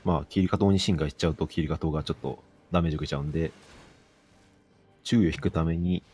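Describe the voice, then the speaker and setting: Man, game commentator, very deep voice, fast, lively, explanatory. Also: a little hiss or hum. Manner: explanatory, chuckling. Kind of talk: casual live game commentary.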